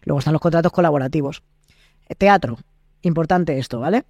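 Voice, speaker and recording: Brisk and a little high, with a darkish tone, the voice belongs to a young actor from Spain speaking with a Spain Spanish accent. Studio quality, no room sound: as a podcast guest he chats informally about his work and acts out dialogue he quotes.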